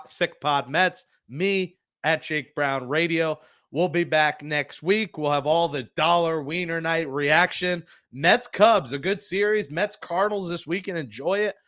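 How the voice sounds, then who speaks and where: Hosting a casual sports podcast, this man speaks in a slightly high, bright and forceful voice. He keeps things jokey, laughing at himself as he fumbles his way through foreign words.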